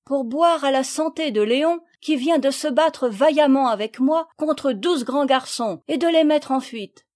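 A woman's voice: on the high side, unhurried, warm tone, natural voice. A woman reading a brave, earnest boy. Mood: spirited.

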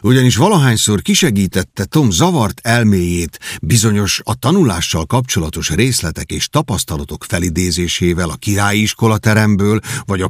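A man reading an audiobook in measured storytelling narration. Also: fairly low pitch, dry recording, clean studio sound.

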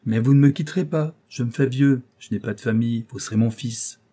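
A man's voice: mid-range voice, a little fast, mellow, lightly acted. A man reading an audiobook, voicing a scheming aging job broker who talks in a coaxing, lecturing, ironic way. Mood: reassuring. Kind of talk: audiobook character voice.

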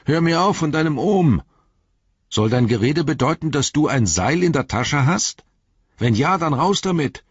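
A man's voice: a little high, expressive, normal speed, slightly rough, no room sound, lo-fi sound, voice pushed up. A man voicing a shaken young male hobbit, calling up in a raised, tense voice in an audiobook reading. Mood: firmer.

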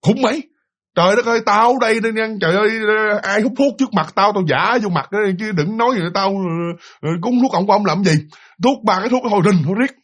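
A man's voice: sits high, fast, fairly bright tone. A man voicing a brusque middle-aged woman who brushes off questions. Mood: indignant.

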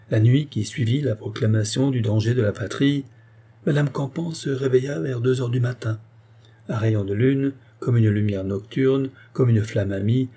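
A man narrating a classic novel as an audiobook, reading in a measured, solemn way. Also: medium pitch, mellow, slightly rough.

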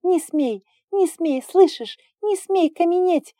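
A woman voicing a tearful, desperate young heroine who begs and sobs in high, loud cries. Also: lively intonation, slow, no room sound, clean studio sound, exaggerated voice. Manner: high pleading cries, sobbing.

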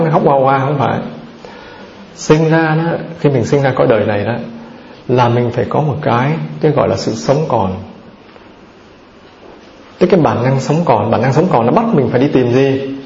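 Male Buddhist monk teaching: gravel in the voice, asks and answers his own questions, roomy dull recording. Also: mid-range voice, darkish tone, slight background noise. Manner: asks the audience questions and answers them himself; lists terms one by one. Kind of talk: dharma talk.

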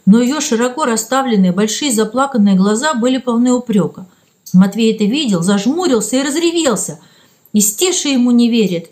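Expressive woman reading a story. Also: a little high. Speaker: reader. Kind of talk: audiobook narration of a children's story.

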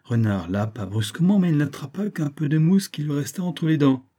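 A man narrating a storybook reading in a measured storytelling manner. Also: on the high side, lively intonation, dark tone, husky.

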